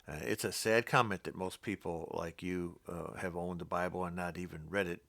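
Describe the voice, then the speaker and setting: A man with a deep, low-pitched voice and a gravelly, creaky edge works through a Bible passage, stopping to comment as he goes. His delivery is halting and rambling, full of restarts and doubled words. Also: steady tone, a bit bright. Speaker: Bible teacher.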